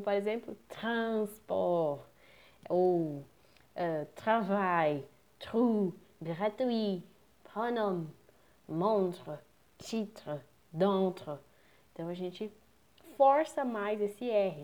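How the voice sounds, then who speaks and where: A woman with a Brazilian Portuguese accent teaches a pronunciation lesson on French rules, posing questions and answering them herself. Her voice is a little high and warm.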